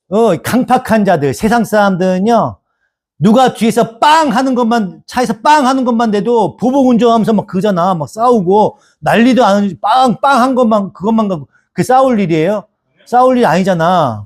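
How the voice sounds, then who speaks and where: A man preaching a Sunday sermon as pastor, animated and asking the congregation for agreement again and again. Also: sits high. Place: church sanctuary.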